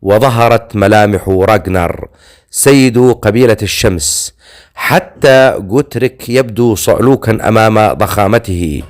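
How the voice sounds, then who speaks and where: A man narrating a dark fantasy novel as an audiobook, in a steady storytelling way with occasional slips. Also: fairly low pitch.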